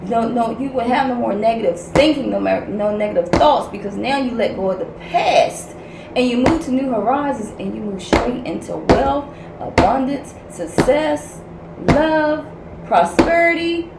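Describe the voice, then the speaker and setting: A woman's voice: a little high, lively intonation, moderate pace, vocal fry. An older woman, a grandmother and spiritual counselor, giving a tarot message reading in a blunt, profane, tough-love preaching manner. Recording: echoey room with noise.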